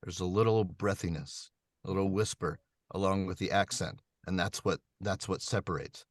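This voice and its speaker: Deep-voiced male audiobook narrator, dry sound. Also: steady tone, dry recording. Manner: measured, explanatory, many ums. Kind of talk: answering questions on a video call. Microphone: video call.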